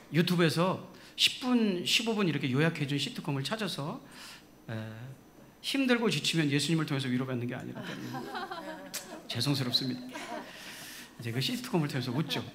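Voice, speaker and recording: Man pastor, animated storyteller in the pulpit, bright and lively. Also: a little high, a little hiss or hum. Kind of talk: sermon. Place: church sanctuary.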